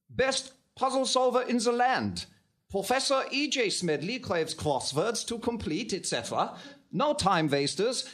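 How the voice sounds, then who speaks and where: A man's voice: high-pitched, big pitch swings, unhurried, a bit bright, heavily acted. Comic radio-play henchman: a man playing a muddled German baron, voice swooping all over, anxious to please. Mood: pleading. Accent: put-on German. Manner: flustered, eager to please. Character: bumbling male German baron henchman, injured, forgetful. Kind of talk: comedy audio drama.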